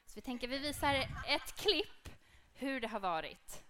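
A woman in her thirties co-hosting a live podcast, telling stories in an animated, lively way. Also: high-pitched, a little hiss or hum. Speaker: podcast co-host.

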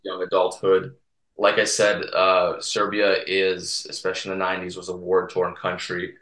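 A young man with a very low, bright, forceful voice, talking earnestly in a casual podcast interview. He restarts his sentences often as he works through his answers. The sound carries a roomy echo. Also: completely flat delivery. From Toronto, Canada. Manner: earnest, halting, many restarts. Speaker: guest from a Serbian community TV channel.

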